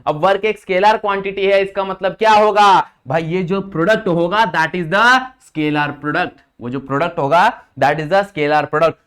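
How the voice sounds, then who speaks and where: Man, physics tutor, high voice, repeats points, asks check questions, drags out English formulas. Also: fairly bright tone, smooth. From India. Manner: slows sharply on English formula lines. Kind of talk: classroom lecture mixing Hindi and English.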